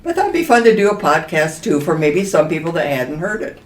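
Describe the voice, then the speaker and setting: A woman's voice: sits low, expressive, fast. An older woman co-hosting a casual interview chat in a senior community. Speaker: podcast co-host, senior community resident. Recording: roomy echo, distant from mic.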